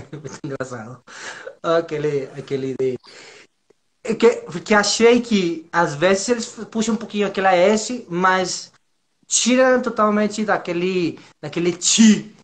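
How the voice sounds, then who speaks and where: A man chatting as a guest in Portuguese, often pausing and hunting for words, then speeding up when he finds them. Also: high voice. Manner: hesitant, searching for words, lively and laughing. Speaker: foreign guest learning Portuguese. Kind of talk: casual conversational interview.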